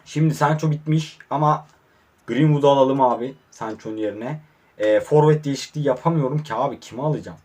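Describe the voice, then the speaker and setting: A young man commentating his own online football game, talking to the players on screen and swinging from low mutters to excited shouts. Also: a little fast.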